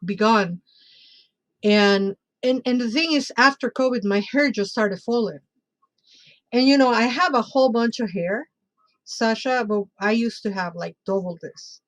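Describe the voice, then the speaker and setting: A woman telling a personal story as a podcast guest in an expressive, conversational way, often checking in with the listener. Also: fairly high pitch, unhurried, rough recording.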